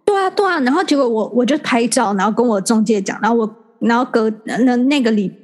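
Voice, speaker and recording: A woman's voice: a little high, lively intonation, fast talker. A young woman from Taiwan, chatting casually as a podcast host and acting out quoted dialogue as she tells her story. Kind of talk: casual chat.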